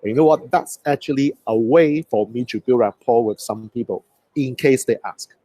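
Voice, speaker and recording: A native Cantonese speaker from Hong Kong, with a Hong Kong accent, gives a motivational coaching talk on a live stream and puts questions to his viewers. His voice is medium-pitched and dark-toned, at a moderate pace, with no echo.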